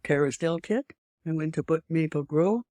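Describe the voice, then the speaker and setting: A woman in her eighties from Europe, with a slight French accent, tells her life story as an interview guest, rambling, restarting and throwing in emphatic asides. Her voice is deep and dark, a little fast, with no room sound.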